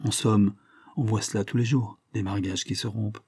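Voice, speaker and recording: A man's voice: lowish voice, steady tone, normal speed, warm tone, slightly rough, dry recording, clean studio sound. A man voicing a dogged male police inspector who gives matter-of-fact, precise reports.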